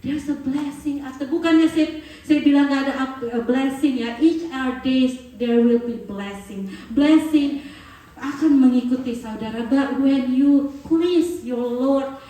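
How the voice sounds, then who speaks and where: A woman's voice: sits high, measured pace, warm tone. A woman preaching a sermon as she tells a story, acting out the quoted dialogue and laughing as she goes. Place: church hall. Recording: echoey hall, voice from far off.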